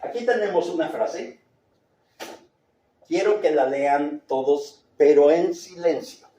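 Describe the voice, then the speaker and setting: A man's voice: fairly high pitch, slow pace, warm tone, slight background noise. A man teaching a class of church readers, demonstrating readings and how to shift the tone of voice. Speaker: lector training instructor. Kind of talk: workshop lesson. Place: meeting room with class. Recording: roomy echo.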